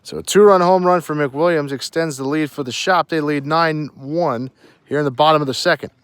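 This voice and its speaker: A man announcing a baseball game live, giving short, clipped updates on pitches and the count. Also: moderate pace, clear, resonant tone, no room sound.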